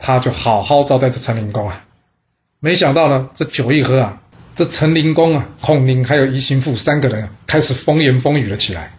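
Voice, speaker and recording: A man hosting a storytelling podcast, telling history in a chatty, lively way. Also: mid-range voice, fairly quick. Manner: chatty, lively storyteller voicing characters in dialogue. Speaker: storyteller host.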